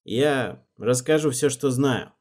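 A man's voice: medium pitch, slow pace, darkish tone, lightly acted. A man reading the part of a cold, ruthless young schemer who speaks in icy, mocking commands. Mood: cold, commanding.

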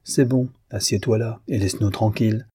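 A man reading a calm young violinist. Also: lowish voice, normal speed, husky.

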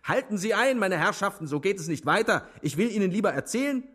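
An actor playing an arrogant young officer in a radio play, talking down to others with disdain. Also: male voice, sits high, expressive, fast, fairly bright tone, husky, pitched above the performer's own voice, exaggerated voice. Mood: commanding. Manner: haughty and disdainful.

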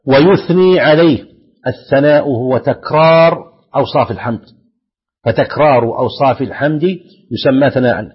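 A sheikh gives a steady Islamic lesson in a husky, slightly breathy voice of middling pitch. He reads each phrase of the text aloud with stress, then explains it deliberately. The recording is dull and lo-fi. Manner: stresses quoted words, lifting voice on them. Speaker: sheikh teaching a hadith text.

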